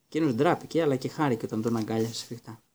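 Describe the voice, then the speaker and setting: A man narrating an audiobook with a dark, mellow voice. He reads in a steady, even storytelling manner at a medium pitch.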